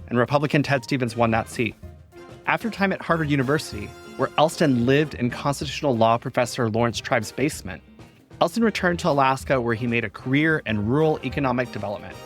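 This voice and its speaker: A male podcast host with a mid-range voice reads a scripted introduction and then asks interview questions in a measured manner. Soft music plays in the background.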